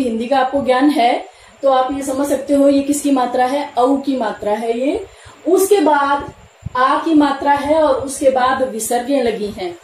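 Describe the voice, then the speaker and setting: High-voiced woman teaching in an echoey room. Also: dark tone. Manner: patient, repeats key terms slowly. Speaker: Sanskrit teacher. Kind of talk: classroom lesson explaining grammar. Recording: echoey room, faint background noise.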